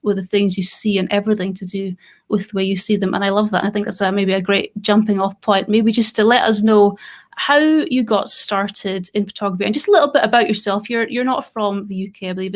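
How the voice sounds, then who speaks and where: A woman's voice: mid-range voice, fairly even intonation, fairly quick. A woman hosting a live stream interview, upbeat and welcoming as she introduces her guest. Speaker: host.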